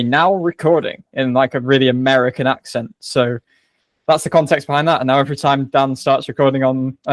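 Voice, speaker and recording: A man's voice: mid-range voice, no room sound. A man co-hosting a podcast, chatting in a rambling, self-correcting way. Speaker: podcast co-host. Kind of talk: casual podcast chat.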